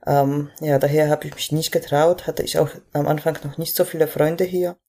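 A woman's voice: sits low, level tone, normal speed, mellow. A woman, a podcast guest talking casually with many hesitations. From Poland. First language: Polish. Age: 20s. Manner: hesitant, many fillers, laughs easily. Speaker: guest athlete and coach.

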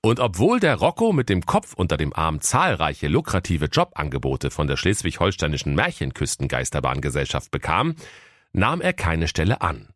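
A man's voice: sits low, no echo, studio quality. A man narrating a comic fairy tale in a playful manner. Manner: playful, animated.

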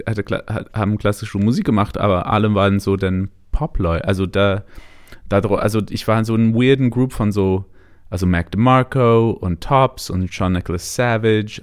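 A man's voice: on the low side, clean tone. A man speaking as a native English speaker with a British accent, chatting casually and hesitantly in an interview, mixing in English words. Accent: British English accent in German. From Canada and England. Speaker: interview guest, musician.

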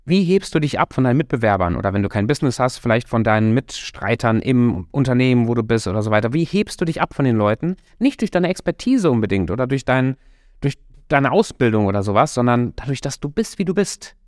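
A man talks straight to his listener as a coach, direct and encouraging. His pitch sits in the middle range and he leans into key words to stress them. The sound is dry and close, with no room around it. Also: lively intonation, quick pace, darkish tone, no room sound. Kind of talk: motivational talk to the listener.

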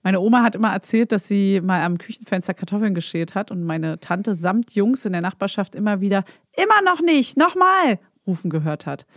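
A woman co-hosting a podcast in casual chat, telling stories with giggles and lively voice changes. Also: medium pitch, fairly quick, hardly any pauses, dry recording, studio quality. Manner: giggly, animated storyteller. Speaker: podcast co-host.

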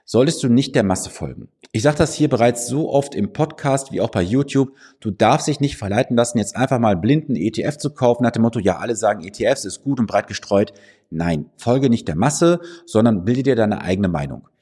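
His voice is mid-range, warm, slightly rough, and a little fast, with lively intonation and a hint of a cold. The man, a financial advisor and podcast host, addresses the camera from his office in a monologue of direct, persuasive financial advice.

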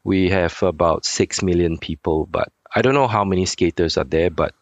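Low-voiced, easygoing man. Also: no room sound. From Singapore. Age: 40s. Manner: easygoing, halting with fillers. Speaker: guest, sneaker designer. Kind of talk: casual interview chat.

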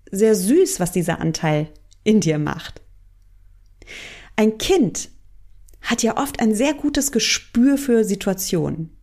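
Fairly high-voiced woman coaching. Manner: warm explanatory, addresses listener directly. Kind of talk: coaching monologue.

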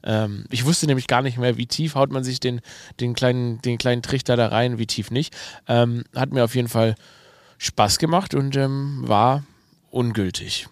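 A man's voice: mid-range voice, steady tone, moderate pace, no echo. A man hosting a podcast in a casual monologue with a nasal voice and a slight cold, rambling and self-mocking with many fillers. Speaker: podcast host and comedian.

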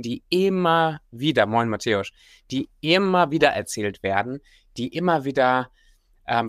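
A man's voice: medium pitch, no echo, studio quality. A man hosting a livestream as a coach, talking informally and directly to the listener in casual motivational talk and guided exercises. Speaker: livestream host, self-development coach.

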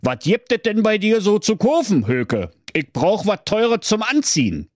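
A man voicing a rich, stingy, boastful man who talks loudly and rudely in a Berlin accent. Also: high-pitched, sing-song, a little slow, no room sound, studio quality, voice pushed up. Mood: blustering. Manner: loud, rude, blustering.

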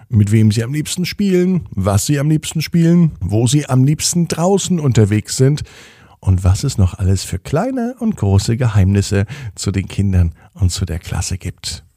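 Male storyteller for a children's tale, warm and husky, very lively pitch, close and dry. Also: moderate pace, no room sound. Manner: gentle, expressive storytelling with playful pitch swings.

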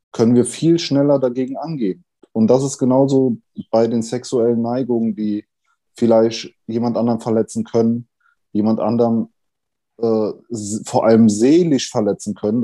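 A man in his thirties, a podcast guest, talking candidly and thoughtfully with many pauses and fillers. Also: medium pitch, dark tone. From Germany, Italian family. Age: 30s. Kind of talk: candid conversation.

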